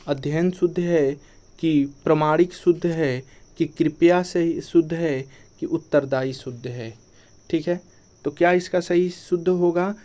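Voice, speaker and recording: A male teacher gives an exam-prep grammar lesson in a slightly high but mellow, warm voice. He drills his points by asking a question and answering it himself, over and over. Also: measured pace. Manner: repeats each point as a quiz question, then answers it. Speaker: Hindi teacher.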